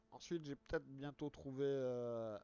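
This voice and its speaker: A man with a hoarse voice, casually talking viewers through a game on a live stream, rambling and restarting words as he explains each step. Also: medium pitch, slow, warm tone. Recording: dull lo-fi stream audio.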